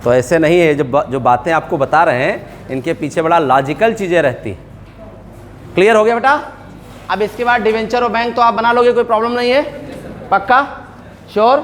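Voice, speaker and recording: A man with a high-pitched voice is teaching accounting to a class. He is middle-aged, mixes English terms into his explanations and keeps checking whether his students have followed. A faint noise runs under the recording. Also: moderate pace. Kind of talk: classroom lecture.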